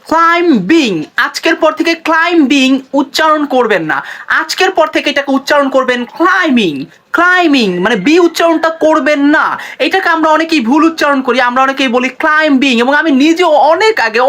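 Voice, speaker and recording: A woman teaching English pronunciation in a short video lesson, repeating each word slowly and asking viewers to say it with her. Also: sits high, a bit bright. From Bangladesh. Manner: repeats words slowly, drills viewers, urges sharing.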